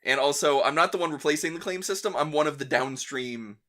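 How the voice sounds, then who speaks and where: A man's voice: fairly high pitch, a little fast, bright, forceful tone. A young adult man hosting a casual podcast chat, talkative and swearing freely. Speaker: podcast host.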